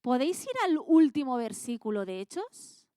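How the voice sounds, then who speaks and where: A woman's voice: high-pitched, very animated, moderate pace, mellow, no echo, clean studio sound. A woman with an accent from Spain, teaching a Bible class in a casual, colloquial way and quizzing her students with questions.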